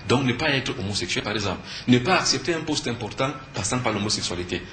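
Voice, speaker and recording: A spiritual teacher and conference speaker with a Cameroonian French accent talks earnestly as a guest in a TV interview, his voice sharp and bright at a middle pitch. He speaks fast and expressively, explaining emphatically like a lecturer who poses questions and answers them himself. The room is echoey, with faint background noise.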